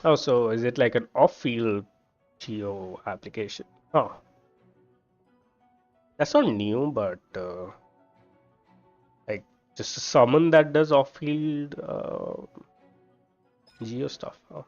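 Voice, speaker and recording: A game streamer muses aloud as he plays, offering casual commentary in a mid-range, darkish voice. He speaks slowly and expressively, pausing often. The lo-fi microphone sounds dull, and game music plays in the background.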